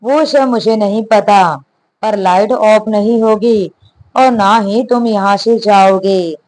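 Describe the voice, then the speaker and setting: A woman's voice: medium pitch, slow, darkish tone, natural voice, poor audio. A woman reading the lines of a frightened, stubborn young bride who pleads innocently. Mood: pleading.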